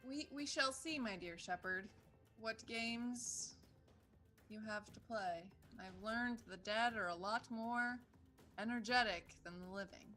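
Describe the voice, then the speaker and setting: A woman's voice: fairly high pitch, unhurried, pushed and bright, soft background music. A woman playing an earnest, defiant living traveler in a tabletop game, with formal, emphatic phrasing. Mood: wary.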